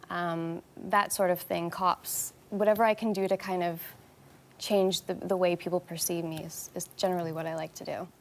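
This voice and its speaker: A woman's voice: fairly low pitch, darkish tone. A young woman with a Canadian accent, a talk show guest chatting casually and laughing easily about her acting work. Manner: chatty, laughing, self-deprecating. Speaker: actress guest.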